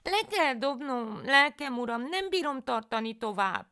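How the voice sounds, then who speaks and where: A woman's voice: high voice, sing-song, pushed and bright, smooth, voice pushed up, full character voice. A woman voicing a foolish, cheerful young peasant wife in a folk tale, with naive, pleading speech.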